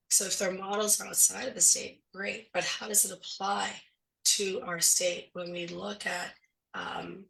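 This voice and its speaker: Low, gravelly woman losing her voice. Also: sharp tone, far from the mic, rough recording. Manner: thoughtful, explanatory, many fillers. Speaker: school board candidate. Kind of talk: casual discussion.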